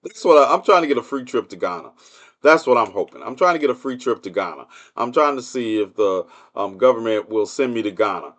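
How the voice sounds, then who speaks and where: A man's voice: mid-range voice, expressive, a little fast, a bit bright. Sarcastic man ranting on a livestream. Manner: sarcastic, rhetorical questions to the audience; hums a tune while waiting. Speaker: livestream host. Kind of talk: casual political commentary monologue.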